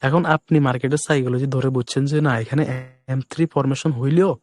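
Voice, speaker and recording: Hoarse man teaching fast and softly. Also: medium pitch, steady tone, dry recording. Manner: speaks deliberately softly to spare his voice. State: hoarse, voice breaking. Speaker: trading instructor. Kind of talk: live online class.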